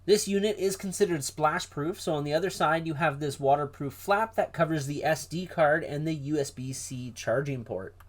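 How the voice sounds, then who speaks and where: A man's voice: fairly high pitch, moderate pace, few pauses. A man hosting a product unboxing, explaining gear directly to viewers in a presenter's style. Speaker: host of a diving gear review channel.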